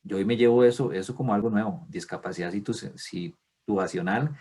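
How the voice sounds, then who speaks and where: Husky-voiced podcast host. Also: male voice, lowish voice, fairly quick, darkish tone. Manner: enthusiastic, chatty, frequent affirmations. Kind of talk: casual podcast interview.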